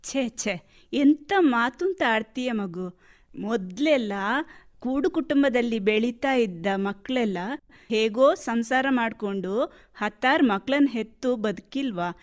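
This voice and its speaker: An actress voicing a wise, calm female holy woman who gives measured, motherly counsel in a radio play. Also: on the high side, natural voice. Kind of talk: radio drama acting.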